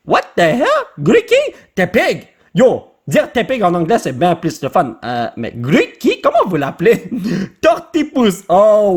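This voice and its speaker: A man with a Quebec French accent giving excitable, casual commentary while opening trading card packs, often breaking into high exclamations and English slang. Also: slightly rough. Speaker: YouTuber.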